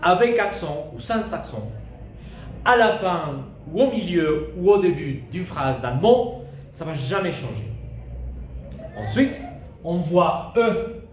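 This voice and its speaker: A man teaching a beginner lesson, speaking slowly and carefully and repeating sounds for pupils to echo. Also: fairly high pitch, sing-song. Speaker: Spanish teacher. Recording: echoey room with faint hiss.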